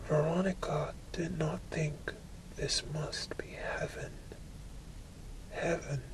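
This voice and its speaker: Soft breathy whisper, ASMR audiobook reader, very slow delivery, deliberate pauses. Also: mid-range voice, poor audio.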